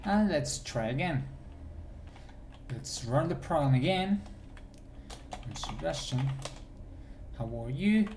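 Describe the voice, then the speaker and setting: A man's voice: a little high, lively intonation, slow, long pauses, darkish tone, a little hiss or hum. A man teaching programming in a screencast, thinking aloud as he types and often restarting his sentences. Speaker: programming instructor. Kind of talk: screencast coding tutorial. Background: keyboard typing.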